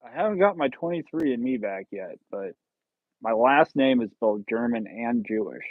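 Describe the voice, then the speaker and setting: A man in his thirties hosts a relaxed livestream, joking and teasing himself as he chats with his viewers. The sound is thin and phone-like. There is hardly any room echo, so his voice comes across close and dry. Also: mid-range voice, moderate pace. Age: 30s. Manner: jokey, rambling, self-teasing. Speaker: livestream host. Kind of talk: casual livestream chat with viewers.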